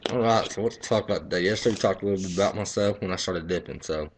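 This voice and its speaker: A man's voice: low-pitched, very fast, a little hiss or hum. A young man, a baseball umpire, telling blunt, profanity-laced stories in a casual vlog. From Texas. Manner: profane, blunt, boastful storytelling.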